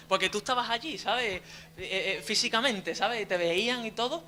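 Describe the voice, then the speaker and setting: Man, young, church preacher, bright voice, light background noise. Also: high voice, measured pace. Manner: storytelling, many tag questions, restarts. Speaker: deacon preacher. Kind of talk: conversational sermon.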